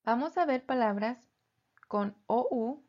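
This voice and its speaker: Woman pronunciation teacher, very slow and deliberate delivery, slightly dull lo-fi recording. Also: a little high, lively intonation. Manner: slow and careful, repeating each word twice.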